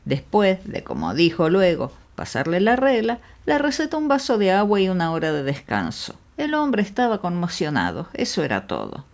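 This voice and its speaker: Una mujer que narra un audiolibro de misterio con lectura expresiva. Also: female voice, fairly low pitch, wildly swooping pitch, moderate pace, few pauses.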